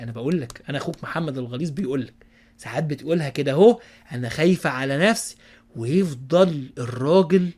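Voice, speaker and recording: A man preaching in casual Egyptian Arabic who gives folksy advice and checks in with his listeners, now and then dropping to a hushed voice. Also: a little high. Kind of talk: casual religious advice talk.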